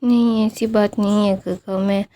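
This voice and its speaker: A woman's voice: medium pitch, level tone, unhurried, dark tone, lightly acted. A woman voicing a sulky, stubborn young man who complains and whines when he is scolded, in a retold story.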